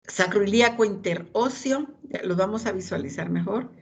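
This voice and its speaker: A woman's voice: medium pitch, normal speed, vocal fry. A woman lecturing anatomy, pointing out images and calling on students by name.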